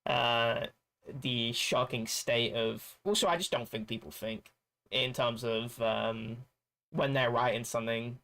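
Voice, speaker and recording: Chatting casually while gaming on a stream, this man rambles and restarts sentences as he hunts for words. His medium-pitched voice is a little slow, with vocal fry and a bright, forceful tone.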